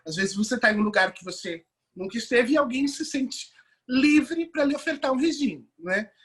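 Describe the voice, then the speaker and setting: A woman's voice: on the high side, animated, normal speed, fairly bright tone, breathy edge. A woman with a Brazilian Portuguese accent giving an online course lecture, reflective and questioning, often adding tag questions as she reasons aloud.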